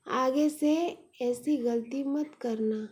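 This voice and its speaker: Storybook mother, read by a woman: gentle, patient, high and slow. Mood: tender. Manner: soothing, patient. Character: gentle caring middle-aged mother.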